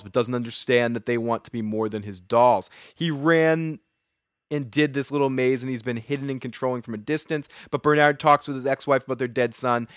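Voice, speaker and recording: A man's voice: medium pitch, smooth, dry recording, studio quality. Sniffly Boston-accented man rambling about TV. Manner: rambling, many restarts and repeated words. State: sniffly with a cold. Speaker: TV episode reviewer. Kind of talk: casual recap chat.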